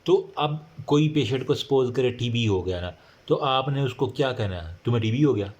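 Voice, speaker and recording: Speaking at a medium pitch, a man delivers a relaxed recorded lecture. He reads out points in English at a slow pace and unpacks each one in conversational Hindi with plenty of fillers.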